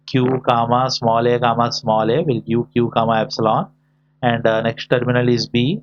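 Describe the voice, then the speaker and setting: Male lecturer, mid-range pitch, dictating notation piece by piece in a step-by-step class; muffled, low-fidelity audio. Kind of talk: classroom lesson, working through notation step by step. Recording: dull, lo-fi audio.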